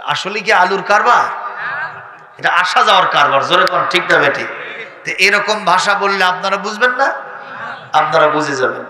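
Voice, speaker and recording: A man with a Bogra Bengali accent preaching an Islamic sermon, calling out to the crowd for responses and swinging between soft talk and loud chanted shouts. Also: high voice, moderate pace, roomy sound, long reverb tail. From Bangladesh.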